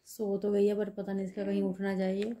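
A woman talking softly to her children and the camera at home late at night, recorded on a phone. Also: mid-range voice, monotone, a little fast. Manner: soft, coaxing talk to children at night. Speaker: vlogger, mother. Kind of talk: casual home vlog.

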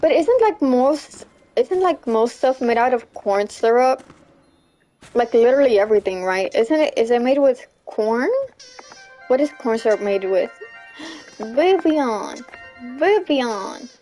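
Chatty and quick to laugh, a young woman streams a game, reads chat, and keeps repeating "you know what I'm saying." Her fairly high, dark voice is expressive and unhurried, and the rough recording carries soft background music.

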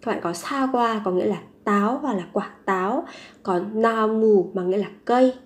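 At a normal speed and medium pitch, a language teacher leads a vocabulary lesson. She says each word three times, slowly, and follows it with a patient explanation.

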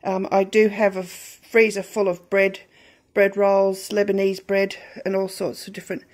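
A woman's voice: mid-range voice, monotone, moderate pace, a little mellow. A middle-aged woman, casually talking through her grocery haul with frequent ums and self-corrections. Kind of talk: casual voice-over showing groceries.

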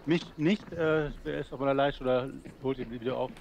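A man's voice: mid-range voice, steady tone, a little fast. A man chatting casually with teammates during a game, colloquial and complaining. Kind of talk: casual gaming chat. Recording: clear game ambience noise behind voice.

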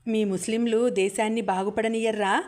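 A woman's voice: a little high, steady tone, brisk, a little mellow, natural voice. A woman reading the lines of a blunt young male student who scolds and calls out to his friends, in an audiobook. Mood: scolding.

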